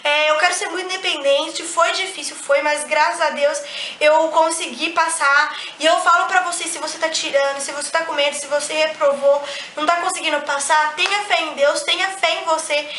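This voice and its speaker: Young brazilian girl vlogging, super high voice, chatty and animated, echoey room. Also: a little hiss or hum. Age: young adult. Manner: animated, quick restarts, acts out quoted lines. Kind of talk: chatty personal storytelling.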